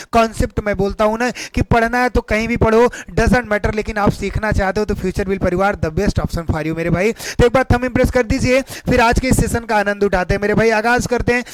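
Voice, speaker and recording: High-voiced energetic Hindi teacher man. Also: no room sound, rough recording. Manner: energetic, repeats key points as questions to students. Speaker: English teacher. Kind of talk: online classroom lesson.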